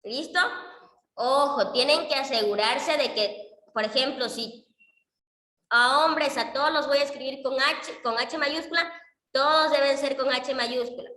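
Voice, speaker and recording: With a high-pitched, pushed and bright voice, an economics instructor explains R coding at a measured pace in an online class. She stays patient, often asking "¿ya?" to see if students follow, while an echoey room adds long reverb.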